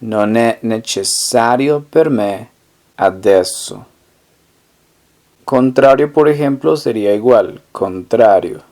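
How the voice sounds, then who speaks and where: A man's voice: fairly low pitch, dark tone. A man teaching a language course, asking how to say phrases and then repeating each answer carefully. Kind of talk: slow, deliberate language lesson narration.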